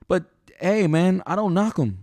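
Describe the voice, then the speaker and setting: A middle-aged man co-hosting a podcast, chatting casually and with opinions, laughing often and thinking out loud with restarts. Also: high-pitched, dry recording, studio quality. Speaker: podcast co-host.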